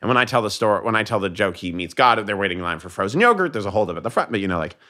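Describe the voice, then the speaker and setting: An American man, a comedian guest on a podcast, telling jokes in casual chat and doing quick voices for the people in them. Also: fairly low pitch. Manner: animated storyteller, voices joke characters.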